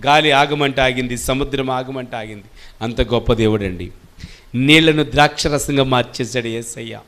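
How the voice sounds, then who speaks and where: A man's voice: mid-range voice, normal speed, fairly bright tone. A man preaching a sermon as pastor, constantly asking questions of the congregation and answering them himself. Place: church service.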